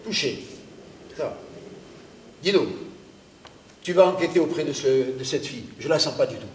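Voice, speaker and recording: A man's voice: fairly high pitch, normal speed, slight background noise, close to an everyday voice. Man as an exasperated scholar, argumentative, theatrical, declamatory, long reverb, distant microphone. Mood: commanding. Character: Galileo, stubborn, exasperated scholar losing his sight. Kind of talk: theatrical stage acting. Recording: echoey theatre hall from far off.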